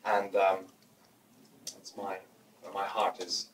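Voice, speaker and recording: A man's voice: deep voice, flat delivery, slow pace, background noise. A man performing as a stage magician, with playful, teasing banter toward a volunteer. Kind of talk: live stage magic patter. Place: live stage before an audience. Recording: echoey stage sound from far off with loud ambience.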